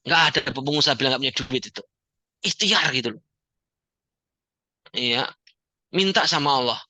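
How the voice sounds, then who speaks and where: A man giving a joking, animated motivational talk to an audience as the founder of a community. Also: mid-range voice, normal speed, dry recording. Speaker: founder and coach of a debt-free community.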